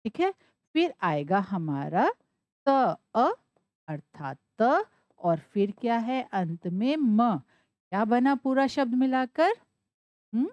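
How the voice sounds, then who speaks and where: Slow, lively woman teacher, spelling aloud. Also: fairly high pitch, no echo, highs cut off. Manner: spells words out slowly letter by letter, asking and answering her own questions. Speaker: Sanskrit teacher. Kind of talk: classroom explanation.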